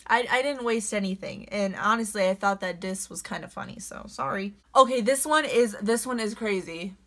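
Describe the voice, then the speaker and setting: A woman's voice: medium pitch, normal speed, a bit bright. Young woman reading comments with sarcastic sass. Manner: sarcastic, sassy retorts. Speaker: beauty vlogger reading comments. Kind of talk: casual vlog chat, reading out and answering comments.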